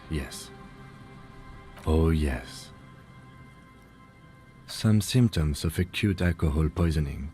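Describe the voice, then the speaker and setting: A man voicing a calm, methodical police lieutenant in a detective game, with a measured, precise, matter-of-fact way of speaking. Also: rumbling low. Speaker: police partner. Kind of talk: game voice acting.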